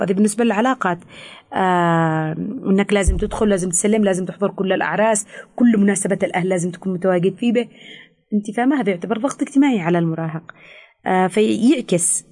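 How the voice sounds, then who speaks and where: A woman with a Yemeni Arabic accent, a counselor explaining things in an interview, fast with frequent hesitations. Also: mid-range voice, a little mellow. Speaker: teen counselor. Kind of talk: expert interview answers.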